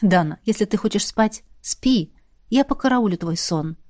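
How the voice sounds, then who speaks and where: Woman reading as a calm, composed demoness. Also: medium pitch, normal speed, close to an everyday voice. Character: calm caring young demoness, dry and composed.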